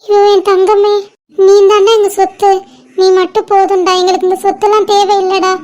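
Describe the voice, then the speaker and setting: A woman voicing a gentle, resigned young woman about to be married, soft-spoken and tender in an amateur audio drama. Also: very high-pitched, flat delivery, normal speed. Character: sorrowful young bride-to-be, gentle elder sister. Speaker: elder sister.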